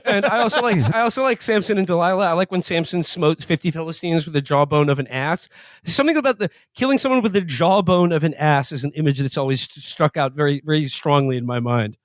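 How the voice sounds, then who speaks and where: A man cracks wry, crude jokes on a podcast. His voice is on the high side, and the sound is dry and close. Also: quick pace, no echo. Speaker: podcast co-host. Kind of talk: casual chat.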